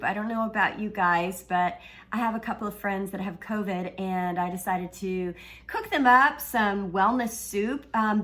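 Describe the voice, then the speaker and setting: A woman hosting a casual cooking demonstration, talking in a halting way with many fillers and playful, flirty asides. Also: medium pitch, fairly bright tone. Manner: halting, filler-heavy delivery. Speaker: cooking video host.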